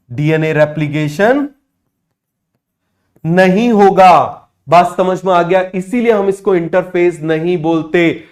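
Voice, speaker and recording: A young man teaching biology for an exam, drilling students with repeated quick questions and answers, and using English terms with an Indian accent. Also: a little high, darkish tone. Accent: Indian English terms within Hindi speech. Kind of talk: exam-prep lecture.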